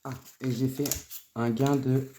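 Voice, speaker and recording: A woman narrating her budgeting casually and counting aloud, haltingly, her voice thick and strained from swollen tonsils. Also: rumbling low, little pitch movement. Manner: halting, murmuring to self while counting. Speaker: host of a budgeting video. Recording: noisy, with clicks and paper rustling.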